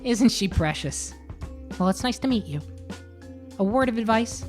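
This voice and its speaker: A woman voicing a stoic, quietly mischievous nun who speaks in a soft, deadpan way. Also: fairly high pitch, normal speed, soft background music, lightly acted.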